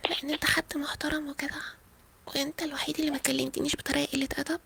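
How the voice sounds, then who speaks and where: Man doing a woman's voice, young Egyptian woman, high, creaky, coy, breathy whisper, fast, faint noise. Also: flat delivery. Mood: softly pleading. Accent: Egyptian Arabic. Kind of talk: breathy, whispery phone chat.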